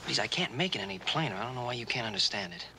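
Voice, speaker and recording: A young actor playing a rancher who patiently coaches a deaf girl, repeating words slowly and gently in a 1960s TV western. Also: mid-range voice, expressive, a little hiss or hum. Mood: patient coaxing. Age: young adult.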